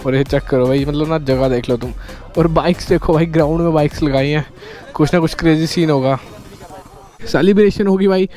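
A young man riding through city streets, narrating a casual vlog and calling out excitedly to his viewers. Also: fairly high pitch, a little fast. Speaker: moto vlogger. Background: music.

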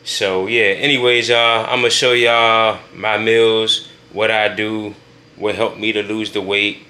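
Bright-voiced laid-back man vlogging. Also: fairly low pitch, flat delivery, takes it slowly. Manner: laid-back, addresses viewers as y'all. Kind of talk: casual vlog talk to camera. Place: home kitchen.

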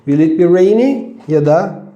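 A native Turkish-speaking man teaches English grammar at a slow, deliberate pace, breaking example sentences apart word by word. His voice sits high but sounds mellow and soft-edged. The recording rings with the echo of a bare room. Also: animated, highs cut off. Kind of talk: online grammar lesson.

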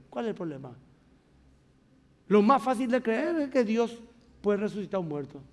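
High-voiced Paraguayan pastor preaching. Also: male voice, a little mellow, in a large hall. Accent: Paraguayan Spanish. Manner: emphatic, conversational, addresses the congregation directly. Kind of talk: sermon. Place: large church sanctuary.

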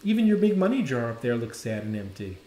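A little girl remarks sadly on how empty the house feels, read by a man in his own gentle voice. The voice moves freely up and down and carries a roomy echo. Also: medium pitch, sing-song, quick pace, slight background noise, natural voice. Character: worried young girl, a friend.

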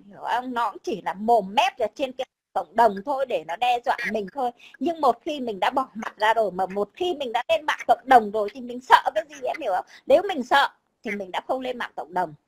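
Brief: woman, high voice, blunt and combative, salty language. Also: slightly rough, low-quality recording. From Vietnam. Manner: blunt, combative, swears, keeps repeating a tag word. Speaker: overseas Vietnamese guest. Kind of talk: casual chat.

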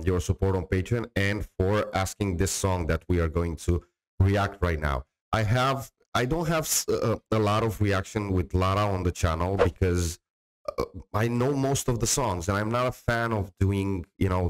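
A man's voice: sits low, lively intonation, normal speed, low-quality recording. A middle-aged man hosting a reaction video, talking casually to camera and rambling with many restarts, close on a studio mic in a small dim room. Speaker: reaction channel host. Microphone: studio mic on a boom, close.

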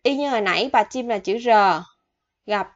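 A woman teaching a vocabulary lesson, repeating each word slowly and then explaining it in a chatty way. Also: fairly high pitch. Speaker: Korean language teacher. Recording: dull lo-fi recording.

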